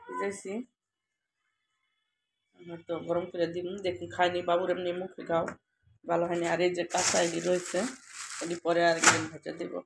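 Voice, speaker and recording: A Bangladeshi woman with a low, creaky voice vlogs from home as a mother, addressing viewers directly in a colloquial, chatty way. The talk is a casual cooking chat, partly in the kitchen while she fries. The recording is noisy with clicks.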